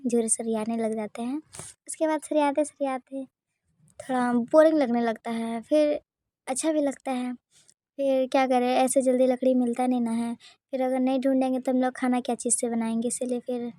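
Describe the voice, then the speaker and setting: A woman tells her vlog story over the footage in a high but mellow voice, with little rise and fall in her pitch. She talks in a simple, chatty way and often pauses to think. The recording is dry and close. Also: fairly even intonation, dry recording. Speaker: vlogger. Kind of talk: casual vlog voice-over narration.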